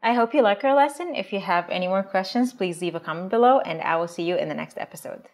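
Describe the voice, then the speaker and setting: A woman teaching a language lesson as the show's teacher, explaining grammar in a clear, deliberate way and slowing down for example phrases. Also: mid-range voice, animated. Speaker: Arabic teacher.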